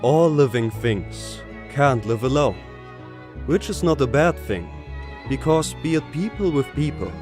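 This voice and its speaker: A man's voice: mid-range voice, lively intonation, measured pace, over music, lightly acted. A man playing a wise, patient old professor in a manga dub, explaining things philosophically. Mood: thoughtful.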